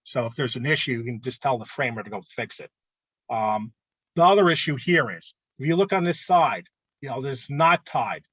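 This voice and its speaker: An art club presenter gives a casual instructional talk, often checking in with "okay?" in a conversational way. His mid-range voice is expressive, a bit bright, and breathy at the edges, at a normal speed. The sound is lo-fi with no echo.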